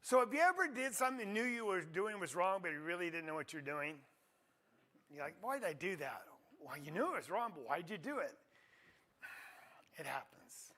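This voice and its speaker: A man with a fairly high, sharp-toned voice teaches a Bible class conversationally. It's an interactive sermon, and he frequently poses questions to his listeners.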